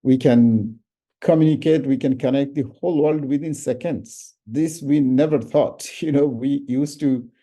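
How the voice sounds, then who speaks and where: A man's voice: mid-range voice, measured pace, dark tone. A middle-aged man from Bangladesh with a Bangladeshi English accent, giving an online seminar talk and repeating words for emphasis. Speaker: summit speaker.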